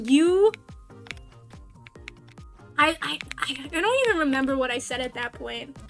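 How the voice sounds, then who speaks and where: A woman streamer talks casually into a desk mic with a high, bright voice. She takes her time, rambling and mocking herself as she plays. Faint music sits behind her. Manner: rambling, animated, self-mocking, with sudden cries of frustration. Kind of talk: casual storytelling while gaming.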